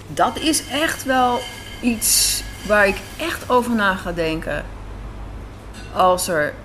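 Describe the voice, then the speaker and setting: A Dutch woman, a guest who writes and directs radio drama, answers interview questions in a chatty, emphatic manner inside a café. Her voice is medium-pitched and fairly bright, though the recording quality is low. Faint café noise sits in the background.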